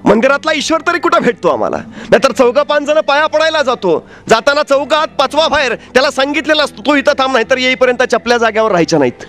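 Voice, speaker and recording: High-voiced guy doing a fiery motivational speech, rhetorical questions, soft then loud. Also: very animated, quick pace, few pauses, faint music behind. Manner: preachy, rhetorical questions, dramatic swings between loud and soft. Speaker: motivational speaker. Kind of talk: Marathi motivational speech with storytelling.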